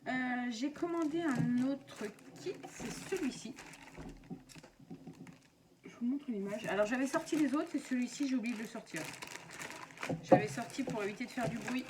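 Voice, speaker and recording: A woman's voice: on the high side, expressive, normal speed, long pauses, noisy background. A woman casually showing her craft purchases to viewers, chatting with many hesitations. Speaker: craft vlogger. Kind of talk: casual unboxing chat. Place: at home.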